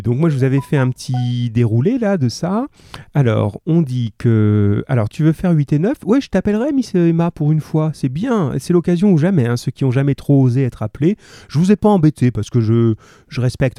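A male teacher who reads a literary passage slowly and evenly, then talks to his pupils in a lively, encouraging way. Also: medium pitch, no room sound, studio quality. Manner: slow, measured reading; lively and encouraging with pupils. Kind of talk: literary reading and radio class.

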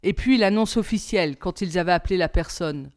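A woman reading aloud and voicing a steady, serious father, earnest as he explains. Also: fairly low pitch, fairly quick, no echo, studio quality, natural voice.

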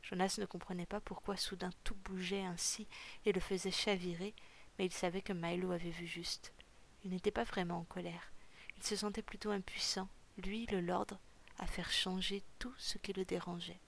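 A woman narrating a novel chapter in a calm, measured, often half-whispered way. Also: on the low side, creaky, a little hiss or hum. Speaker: audiobook narrator. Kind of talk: scripted narration.

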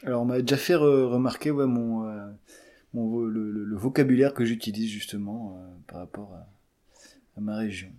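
A man's voice: fairly low pitch, normal speed, mellow. A man in his twenties from southern France, a student answering interview questions hesitantly, with many fillers and restarts. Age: 20s.

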